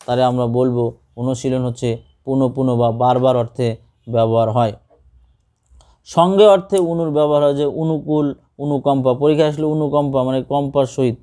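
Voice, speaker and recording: A man's voice: mid-range voice, fairly even intonation, moderate pace, mellow. A man teaching an exam-prep grammar lesson, reading out word lists and asking and answering his own questions.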